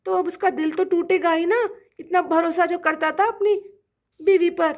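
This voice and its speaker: A woman voicing a sharp-tongued, scheming middle-aged aunt in a doll-play drama, loud and scolding. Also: extremely high pitch, fairly even intonation, normal speed. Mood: scornful.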